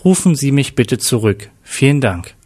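A man's voice: mid-range voice, sing-song, normal speed, darkish tone, breathy edge. A man voicing a polite, hesitant young caller leaving a message on an answering machine.

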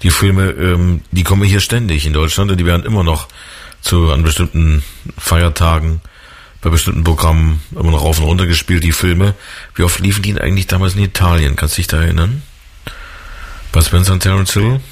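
A radio host with a very deep voice interviews a guest, asking questions as the conversation unfolds. He keeps a steady tone and talks loosely and chattily, filling pauses with "äh" and "ähm."

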